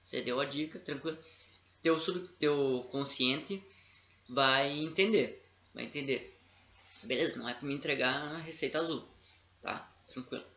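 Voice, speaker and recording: A man's voice: medium pitch, moderate pace, long pauses, pushed and bright. A man with a Brazilian accent giving a casual lecture as an instructor, often checking in with his listeners. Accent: Brazilian Portuguese. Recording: echoey room, dull lo-fi sound.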